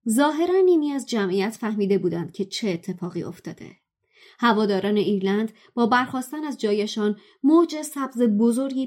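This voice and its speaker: Woman calmly narrating a novel. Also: mid-range voice. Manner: steady, measured storytelling. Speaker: guest reader. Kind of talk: scripted narration of a novel excerpt.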